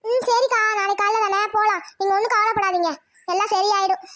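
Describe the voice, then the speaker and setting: A woman's voice: extremely high pitch, steady tone, fast, a bit bright, no echo. A woman voicing a comforting younger sister in a cartoon, reassuring and soothing.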